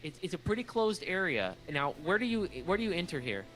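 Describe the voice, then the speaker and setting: A young man narrating a tabletop game as game master, loose and halting, full of fillers. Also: sits high, sing-song, a bit bright, rough recording.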